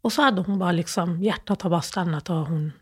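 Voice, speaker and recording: Halting Swedish woman recalling a loss. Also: on the low side, slightly rough. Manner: halting, many fillers and restarts, acts out past phone calls. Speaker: interview guest. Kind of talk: personal interview, emotional storytelling.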